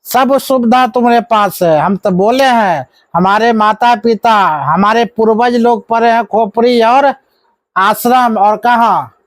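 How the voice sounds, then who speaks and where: High-voiced teacher quizzing his class. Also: measured pace, no room sound. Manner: coaxing call-and-response, scolding asides. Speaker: math teacher. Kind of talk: live classroom lesson.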